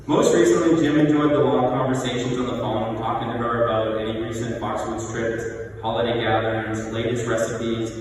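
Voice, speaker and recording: A middle-aged man delivers a prepared eulogy in a large, heavily reverberant church. He speaks at an average pitch, reminiscing in measured short phrases. The microphone sits at a distance, with clear noise around the voice. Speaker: son giving a eulogy. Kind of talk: prepared eulogy speech, read aloud. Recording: echoey church hall, distant mic, noisy.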